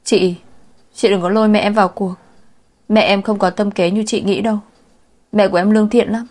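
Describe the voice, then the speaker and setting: A woman's voice: mid-range voice, steady tone, a little fast, a little mellow, lightly acted. A woman voicing a flustered young half-sister who stammers and argues back, in a storybook reading. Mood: defensive. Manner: stammering, defensive.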